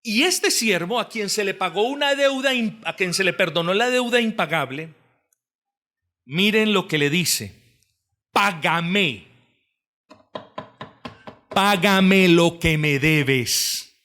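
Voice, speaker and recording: A pastor with a high, animated voice that sounds pushed and bright delivers an expository sermon at an unhurried pace. He reads scripture with rising emphasis, repeats phrases, and puts questions to the congregation.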